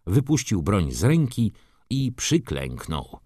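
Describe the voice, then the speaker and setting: Low expressive male audiobook narrator. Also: slow pace, breathy edge, dry recording, clean studio sound. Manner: expressive, dramatic storytelling.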